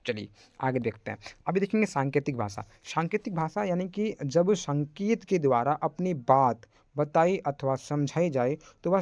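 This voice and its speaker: A man's voice: a little high, darkish tone, no echo. Chatty young male teacher, dry close sound. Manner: chatty, repeats "friends" often. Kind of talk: casual online lecture.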